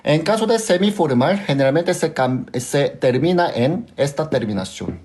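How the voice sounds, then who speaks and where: A man's voice: a little high, lively intonation, normal speed, a little mellow, a little hiss or hum. A man with a Korean accent teaching a language class, who patiently repeats examples and keeps asking his students if they understood. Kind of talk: live class explanation.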